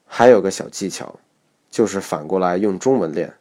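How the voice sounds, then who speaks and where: Deep-voiced man teaching pronunciation. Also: darkish tone. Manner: explanatory, measured. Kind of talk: lesson narration.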